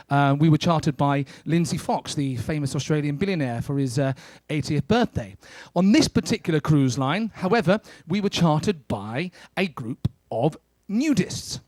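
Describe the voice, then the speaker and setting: A man's voice: on the high side, a little mellow, no room sound. A British man working as a cruise director and entertainer, presenting and telling anecdotes to an audience with a courteous, theatrical showman's delivery.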